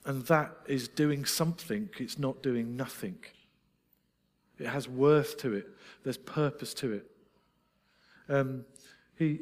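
A man's voice: mid-range voice, darkish tone. A middle-aged Scottish man preaching a sermon, earnest and reflective, with self-deprecating asides. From Scotland. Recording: long reverb of a large hall.

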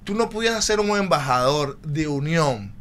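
A man's voice: on the high side, animated, normal speed, a bit bright, slight background noise. A man from Venezuela with a Venezuelan accent, hosting a casual sports podcast and pressing his points emphatically, often repeating them. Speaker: podcast host.

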